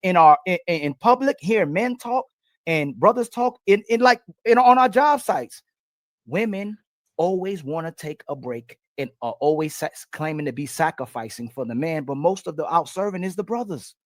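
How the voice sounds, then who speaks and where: A man's voice: on the high side, animated, moderate pace, dry recording, studio quality. A man hosting a panel discussion, talking emphatically in repeated lists.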